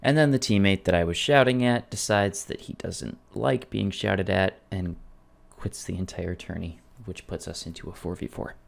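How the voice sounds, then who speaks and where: A man narrating his own gameplay in a casual, wry and self-deprecating storytelling voice-over, with a gravelly creak. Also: low-pitched, normal speed. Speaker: video creator narrating gameplay.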